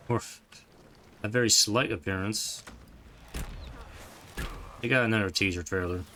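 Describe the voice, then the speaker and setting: A man's voice: fairly low pitch, unhurried, pushed and bright, slight background noise. A man giving rambling, casual commentary while playing a video game. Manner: rambling, chatty, trails off mid-thought. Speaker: gameplay streamer.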